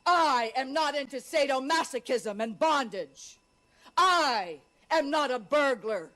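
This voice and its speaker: A woman's voice: high voice, expressive, takes it slowly, bright, forceful tone. An older woman from the United States making solemn, emphatic declarations in a protest speech. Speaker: citizen speaking at a public meeting.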